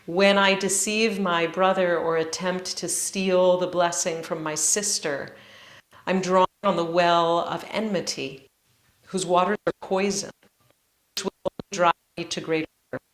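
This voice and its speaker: A woman who is a yoga teacher and cantor, teaching a class in a measured, reflective tone while her audio crackles and cuts in and out from a faulty mic connection. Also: on the low side, fairly even intonation. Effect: audio cutting in and out, crackly faulty mic connection. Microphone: microphone on a live online stream. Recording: roomy echo, glitchy dropping mic.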